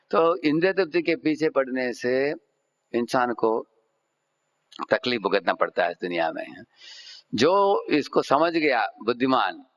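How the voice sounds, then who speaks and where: A man giving a devotional lecture and telling a story, often checking in with the audience. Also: medium pitch. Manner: checks in with the audience, asking "hmm?" and "right?". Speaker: devotional speaker. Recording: slightly dull lecture recording.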